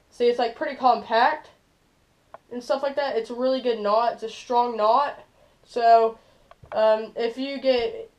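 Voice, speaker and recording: This fishing channel host is a teenage boy with a very high, darkish voice, giving a casual how-to from his small bedroom. He talks loosely and leans on fillers such as "like" and "stuff like that," with dull lo-fi camera audio.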